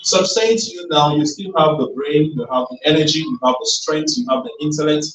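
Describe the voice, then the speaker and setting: A man's voice: on the high side, a little fast, background noise. A man giving an emphatic, rallying motivational talk at a tech event, drawing the audience in with call-and-response questions. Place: event hall. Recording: roomy hall, voice from far off.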